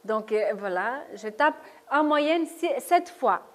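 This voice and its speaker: Lady teaching a stress workshop, slow and a bit high, keeps asking "d'accord?". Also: lively intonation. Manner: explanatory, frequent "d'accord?" checks and fillers. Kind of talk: live talk demonstrating tapping technique. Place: lecture room with audience.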